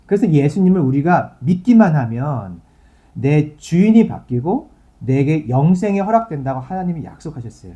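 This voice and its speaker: Very dark-voiced male pastor preaching. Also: a little high, sing-song, moderate pace, lo-fi sound. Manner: conversational preaching, reads scripture aloud and explains it. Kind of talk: sermon.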